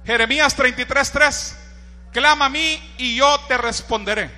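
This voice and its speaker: A man with a Honduran accent preaching a sermon, animated, shouting out quoted cries and often turning to the listeners with rhetorical questions. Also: very high voice, normal speed, long reverb tail. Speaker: pastor.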